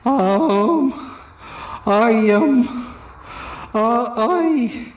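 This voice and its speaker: A woman's voice: a little high, expressive, extremely slow, a little hiss or hum. A woman voicing a nervous, giggly male stage actor who rambles and hesitates as he leaves a message. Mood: rambling. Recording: roomy echo.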